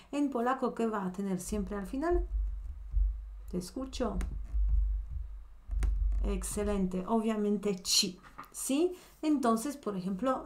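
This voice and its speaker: Slow, patient woman teaching a language. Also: on the high side, a little mellow. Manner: patient, explains step by step, quizzes the learner. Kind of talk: online language lesson.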